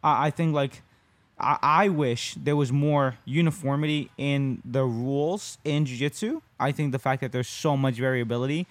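Heard with no echo, a medium-pitched man speaks at normal speed while co-hosting a casual podcast. He competes in jiu-jitsu and talks about it conversationally, regularly checking in with listeners with "right?"

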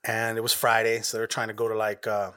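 A man's voice: fairly low pitch, monotone, fast, bright, forceful tone, smooth. A man co-hosting a podcast, bantering in an easygoing way and swearing freely. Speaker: podcast co-host. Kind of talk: casual chat.

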